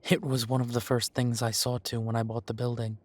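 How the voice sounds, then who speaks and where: In a roleplay audio, a male actor plays a kindly café owner in a fantasy town, addressing the listener in an unhurried, courteous, slightly formal way. His mid-range voice has a level tone and is only lightly acted, with no echo. The mood is warm and reassuring.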